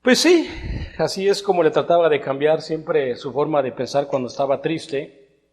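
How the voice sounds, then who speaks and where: A man's voice: a little high, lively intonation, moderate pace. A man preaching a sermon to his congregation, talking conversationally and building to emphatic rhetorical questions. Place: church hall. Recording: long reverb of a church hall.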